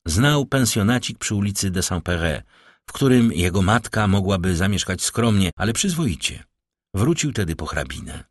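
Male narrator for a classic novel audiobook, very low voice, measured and expressive. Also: no room sound, studio quality. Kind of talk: literary audiobook reading.

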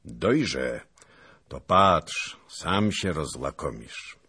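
Calm young male knight, read by a man, measured, deep, husky. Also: heavily acted.

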